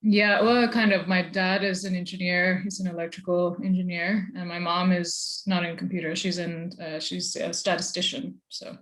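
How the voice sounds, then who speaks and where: A young American woman speaks as a guest on an interview podcast, her voice a little low for a woman. She talks conversationally and thoughtfully, often using like and you know as she works through her answers. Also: level tone, normal speed, few pauses, a bit bright. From United States. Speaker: journalist guest. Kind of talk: casual interview.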